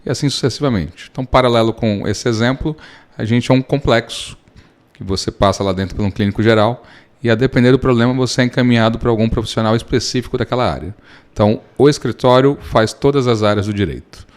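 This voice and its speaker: A Brazilian man in his thirties, a lawyer, explaining his work at length with everyday examples in a relaxed podcast interview. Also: mid-range voice, fast talker. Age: 30s. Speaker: lawyer and guest.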